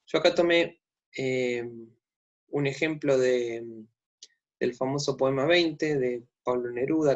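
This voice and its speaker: A man with an Argentine accent giving a recorded literature lecture, with many fillers and restarts. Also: medium pitch. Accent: Argentine Spanish. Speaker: literature teacher. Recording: dull lo-fi sound.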